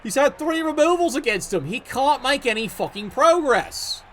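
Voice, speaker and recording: A man's voice: very high voice, animated, normal speed, fairly bright tone, slight background noise. A man commentating a video game league match, sarcastic, joking and swearing freely.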